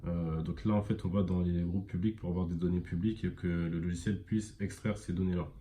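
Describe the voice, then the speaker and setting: A man giving a casual screen-recorded software tutorial, rambling with many fillers and self-corrections. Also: low-pitched, fairly even intonation, a little fast, slight background noise. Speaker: e-commerce tutorial presenter.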